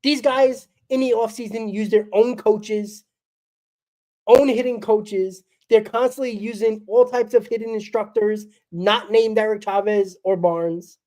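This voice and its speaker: Hosting a solo postgame fan show, a woman rants bluntly, sounding exasperated and dismissive. She's sick, so her dark, mellow, mid-range voice crackles and she coughs now and then, though her tone stays steady and her pace measured.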